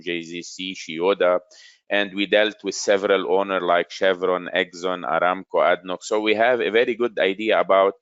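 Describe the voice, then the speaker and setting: A man in his forties presenting a business webinar in a steady, explanatory way. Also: low voice, smooth, dry recording, highs cut off.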